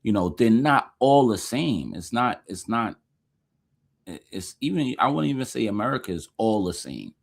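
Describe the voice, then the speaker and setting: A man's voice: on the low side, big pitch swings, normal speed, creaky. A man hosting a casual reaction commentary, talking in a loose, conversational and dismissive way. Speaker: host.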